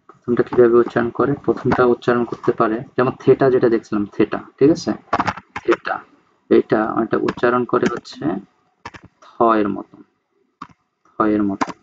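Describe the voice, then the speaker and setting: Man slowly explaining speech sounds. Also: medium pitch, lo-fi sound, noisy background. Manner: explains slowly, often checks in with "ঠিক আছে?"; reads English terms slowly, then explains them in casual talk. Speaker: teacher. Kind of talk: casual spoken lecture.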